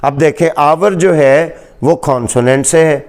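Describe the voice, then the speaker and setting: A man's voice: a little high, a little mellow. A man with a Pakistani Urdu accent teaching English grammar in a lecture, patiently repeating examples and asking rhetorical questions.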